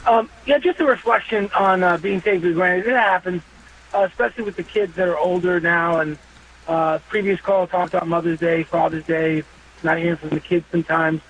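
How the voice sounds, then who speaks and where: A man's voice: high-pitched, fairly even intonation, fairly quick, fairly bright tone. A man in his fifties calling in to a radio show, speaking earnestly and reflectively about faith. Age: 50s. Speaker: caller. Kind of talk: call-in radio talk. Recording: muffled phone-in line with faint noise.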